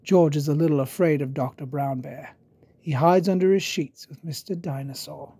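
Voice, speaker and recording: A storybook narrator giving an expressive, dramatic read-aloud for children. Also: mid-range voice, normal speed, breathy edge, no room sound, clean studio sound. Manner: expressive, theatrical.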